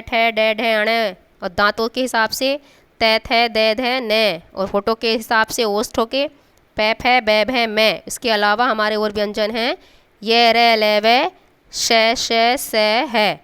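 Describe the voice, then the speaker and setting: Woman teacher, a bit high and very clear voice, patient, stretches sounds slowly and keeps checking in with the class. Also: a bit bright. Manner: patient, draws out sounds to demonstrate them. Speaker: school teacher. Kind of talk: classroom Hindi grammar lesson.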